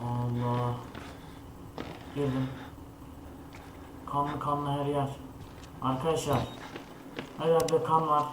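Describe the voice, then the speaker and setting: A man's voice: on the high side, little pitch movement, slow, pauses often. Jittery young man narrating a horror game. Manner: jittery, talks to viewers, frequent scared remarks. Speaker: gaming channel host. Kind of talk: horror game let's play commentary. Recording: echoey room with noise.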